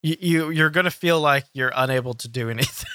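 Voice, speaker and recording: A man hosting a casual gaming podcast, talking in a halting way with many "um" fillers. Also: on the high side, pushed and bright. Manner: filler-heavy, halting delivery with frequent "um". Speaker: podcast host.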